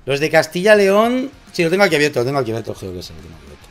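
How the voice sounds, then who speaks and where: A man's voice: fairly high pitch, wildly swooping pitch, very fast, soft background music. A man with a Spain Spanish accent, chatting casually on a live stream, rambling, joking and repeating himself.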